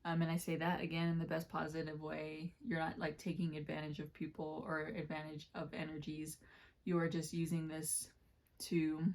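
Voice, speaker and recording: A woman with a low, level voice that has a slight scratch to it, giving a casual tarot reading. She rambles along with plenty of fillers and keeps correcting herself. Her pitch stays even and rarely climbs. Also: normal speed, a little hiss or hum. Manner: rambling, warm-hearted, many fillers and self-corrections. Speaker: tarot reader.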